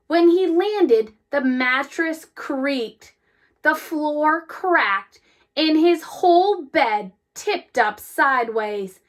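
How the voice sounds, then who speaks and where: A female storybook reader narrates a children's picture book from a script, using a high-pitched voice with very animated intonation. Her phrasing is deliberate and expressive, emphasizing words.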